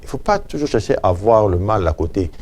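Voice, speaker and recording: A Congolese man with a low, mellow voice speaks fast as an expert guest. He presses his points insistently and circles back to them. Faint noise sits under the recording. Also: big pitch swings. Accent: Congolese French. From Democratic Republic of the Congo. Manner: emphatic, insistent, repeats points. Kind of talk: studio TV interview.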